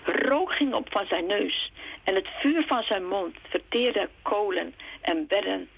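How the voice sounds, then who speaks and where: A woman preaching a sermon in an earnest, unhurried way, reading aloud from the Psalms and stopping now and then to restart a phrase. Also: medium pitch, creaky, slightly rough. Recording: muffled, lo-fi with faint hiss.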